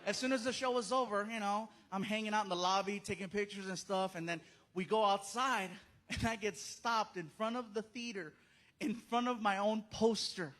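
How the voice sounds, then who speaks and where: Male stand-up comic, thirties, high and bright, animated storyteller, live theater, faint noise. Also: normal speed. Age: 30s. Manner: animated storytelling, slips into character voices and bits of Spanish. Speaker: stand-up comedian. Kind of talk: stand-up comedy set. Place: theater stage with a laughing audience.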